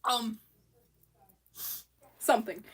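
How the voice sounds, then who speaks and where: A woman rambling casually on a livestream, full of fillers and restarts, excitable and quick to laugh. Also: fairly high pitch, slightly rough.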